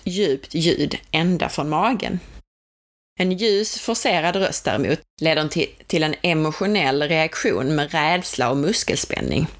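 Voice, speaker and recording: A woman giving a calm, explanatory lesson on coping techniques for labor, gently coaching the listener. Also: on the low side. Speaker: childbirth educator. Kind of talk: instructional talk.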